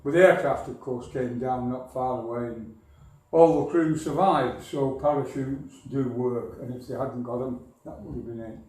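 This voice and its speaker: The voice belongs to an older northern English man with medium pitch and a darkish tone, talking at a normal speed. He tells a society rambling, wry local history anecdotes, recorded from a distance in an echoey hall.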